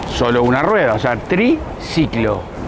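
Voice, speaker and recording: A man's voice: mid-range voice, big pitch swings, measured pace, creaky, background noise. A man narrating a travel vlog in a chatty, enthusiastic way, explaining sights as he walks around a city outdoors. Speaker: travel vlogger. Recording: music playing under the voice.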